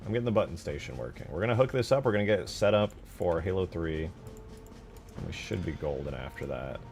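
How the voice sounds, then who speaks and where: A deep, darkish voice, animated and fairly quick, comes from a man livestreaming while he builds game mods, faint music behind him. He chats in a chill, slangy, foul-mouthed way.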